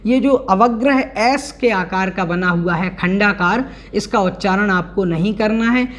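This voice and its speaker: A man's voice: high voice, a bit bright. A man teaching a religious scripture class online, explaining verse by verse, chanting the lines and carefully correcting their pronunciation. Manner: deliberate, spells out pronunciation and chants verses slowly.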